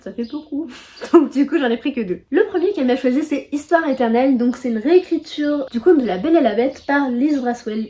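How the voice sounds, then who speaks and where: Chatty young woman with a mellow voice. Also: on the high side. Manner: chatty, lots of filler words, self-deprecating. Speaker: book vlogger. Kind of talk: casual book haul chat.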